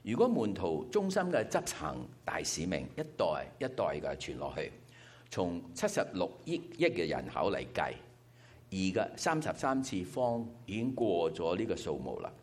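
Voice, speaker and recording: A male preacher delivering a sermon with a very deep voice. His pitch rises and falls with lively emphasis. He explains his points patiently, one step at a time, as he talks to his church gathering. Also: normal speed. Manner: explanatory, working through numbers step by step.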